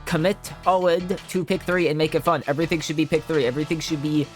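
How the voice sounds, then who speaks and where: A man with a rather high voice cracks jokes and trades casual banter as he explains how he designs and codes games. His talk is loose and friendly. Soft music sits faintly underneath. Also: fairly even intonation. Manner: joking, quick to laugh, casual "bro" banter. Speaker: indie game developer. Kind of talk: casual co-host chat about game development.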